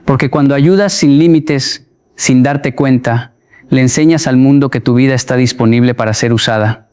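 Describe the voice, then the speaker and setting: A man narrating a motivational voice-over in a measured, emphatic way, with short, punchy phrases. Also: mid-range voice, darkish tone, smooth.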